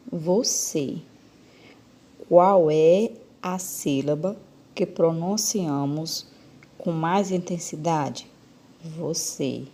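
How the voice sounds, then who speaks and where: A woman's voice: lowish voice, mellow, slight background noise. A female primary school teacher with a Brazilian Portuguese accent, recording a lesson for young children. She talks patiently and coaxingly, asking questions and repeating key words.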